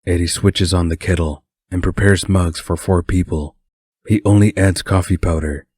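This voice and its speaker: A man reading a fan story aloud as narrator, with calm, steady storytelling. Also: deep voice, breathy edge, no echo, studio quality.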